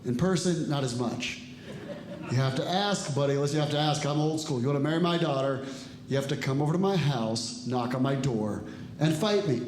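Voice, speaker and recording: A man's voice: mid-range voice, brisk, a little mellow. A man in his forties doing a stand-up comedy set with a dry, self-deprecating delivery, acting out bits of dialogue. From Ecuador and El Salvador. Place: comedy club stage with a live audience. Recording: echoey room with audience noise.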